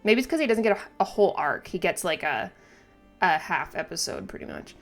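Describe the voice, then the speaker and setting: A woman giving casual, slangy reaction commentary as a video host, with animated exclamations and asides. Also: fairly low pitch, a little fast, faint music behind. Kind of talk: casual reaction commentary, reading dialogue aloud.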